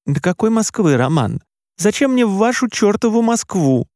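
A man's voice: sing-song, moderate pace, darkish tone, dry recording, studio quality. A man voicing a distraught middle-aged mother who speaks through tears. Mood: upset. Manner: tearful, high and strained.

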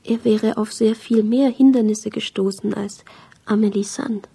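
Woman playing a timid guy at work, hushed and pleading, raspy. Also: medium pitch, fairly even intonation, a little slow, heavily acted. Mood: anxious. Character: anguished male office worker, timid and ashamed.

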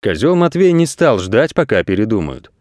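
A man narrating a children's audiobook with expressive, animated storytelling. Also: lowish voice, normal speed, no echo, studio quality.

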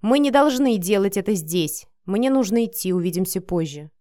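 A woman's voice: mid-range voice, animated, moderate pace, dark tone, no room sound, clean studio sound, close to an everyday voice. A woman reading an audiobook voices a domineering, harsh male boss who growls his curt, menacing lines. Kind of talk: audiobook character voice.

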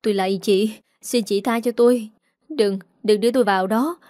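A woman's voice: medium pitch, fairly quick, darkish tone, dry recording, studio quality, close to an everyday voice. A woman voicing a desperate, scheming older woman who sobs and begs for mercy in a storybook reading. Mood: pleading. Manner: sobbing, pleading.

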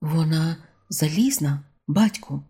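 Naive, curious young lad, read by a woman; husky, mellow storybook read. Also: deep voice, slow pace, heavily acted. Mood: puzzled. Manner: questioning, naive. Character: young fisherman's son, puzzled and curious.

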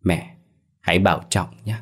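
A young woman's vengeful ghost, cold and bitter, speaking from beyond the grave, as a male narrator reads her lines. The voice stays very deep and low, with no attempt to sound feminine. It is ghost-story audiobook dialogue. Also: steady tone, moderate pace, husky. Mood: tender farewell. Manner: cold, accusing.

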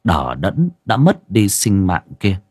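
A man's voice: sits low, wildly swooping pitch, slow, darkish tone, slightly rough. A man, narrating a ghost story with dramatic expression.

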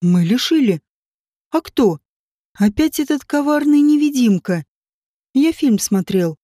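A woman's voice: high-pitched, lively intonation, a little slow, mellow, no echo, clean studio sound. A woman voicing a blunt, teasing former cop who pushes a rich woman to divorce, read in an audiobook. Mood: coaxing. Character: man, a brash ex-cop wooing a rich woman. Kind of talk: audiobook character reading.

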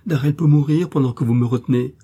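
A man's voice: medium pitch, normal speed, mellow, breathy edge. A man voicing a passionate young woman who begs and implores in a storybook reading. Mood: urgent. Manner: imploring, pleading.

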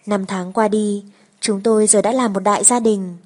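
A woman's voice: medium pitch, normal speed. Woman narrating a story steadily. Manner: even, steady storytelling, first-person. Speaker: audiobook narrator.

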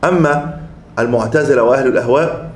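A man's voice: medium pitch, fast. A male scholar teaching a classical creed text in a lecture, explaining terms one by one and often repeating or restarting words. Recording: echoey room.

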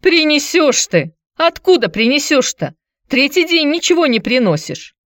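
A woman's voice: very animated, moderate pace, a bit bright, no echo, clean studio sound. A woman voicing a quarrelsome, hard-drinking woman who answers in a snappish, sarcastic way. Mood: indignant. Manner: snappish, sarcastic, shrill when riled.

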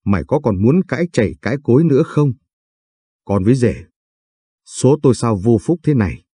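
A man's voice: medium pitch, lively intonation, moderate pace, mellow, breathy edge, no room sound, studio quality. A man voicing a hot-tempered elderly father-in-law who scolds his sons-in-law in long angry tirades. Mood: furious. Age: older.

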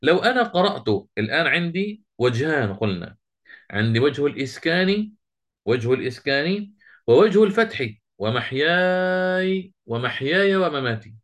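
A man teaching a Quran recitation lesson, quizzing his students and chanting the verses he quotes slowly. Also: fairly high pitch, very animated.

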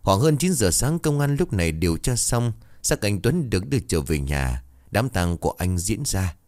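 A man narrating a dramatic horror story in a steady, dramatic storytelling manner. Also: fairly low pitch, normal speed, no echo, clean studio sound.

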